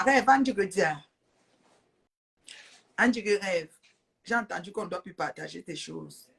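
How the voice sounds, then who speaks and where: A woman's voice: on the low side, gravelly, fairly bright tone. Chatty woman hosting a live stream. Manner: chatty, laughs often, greets viewers. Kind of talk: casual live stream chat. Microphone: phone or webcam on a live stream.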